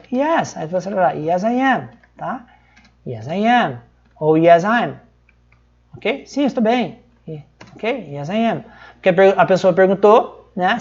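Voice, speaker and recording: A woman's voice: mid-range voice, a little mellow. A woman with a Brazilian accent giving a casual English lesson, chatty and full of little check-in words. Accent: Brazilian Portuguese. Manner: chatty, fills lines with "tá?" and "ó". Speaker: English teacher. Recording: slightly dull lo-fi sound.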